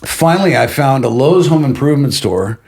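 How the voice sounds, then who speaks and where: A middle-aged man, a guest on an interview podcast, telling a personal story in a casual, animated way and acting out what others said. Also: mid-range voice, a little fast, creaky. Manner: animated, acts out quotes of others.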